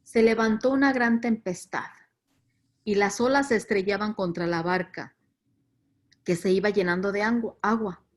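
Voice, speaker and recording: At a moderate pace and with a mid-range voice, a Latin American Spanish-accented woman reflects on scripture in a virtual faith formation talk. She repeats words and puts stress on the main ideas.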